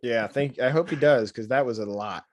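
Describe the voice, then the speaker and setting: A man's voice: mid-range voice, normal speed, dry recording. Man reading an email with sarcastic asides. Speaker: podcast co-host. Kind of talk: casual chat, reading a listener email.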